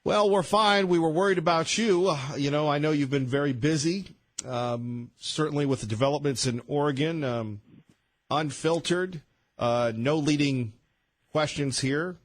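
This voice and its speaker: A man's voice: a little high, normal speed, dry recording. A man hosting a radio talk show, conversational and direct, in a studio. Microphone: studio mic.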